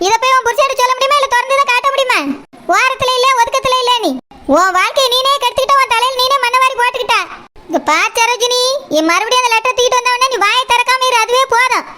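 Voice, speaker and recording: A woman's voice: very high-pitched, quick pace, bright, forceful tone, slight background noise. A woman voicing a bossy, protective older sister-in-law in a cartoon, lecturing and scolding.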